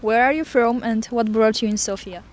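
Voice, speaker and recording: A woman interviewer reading out questions in an even delivery. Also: fairly high pitch, moderate pace.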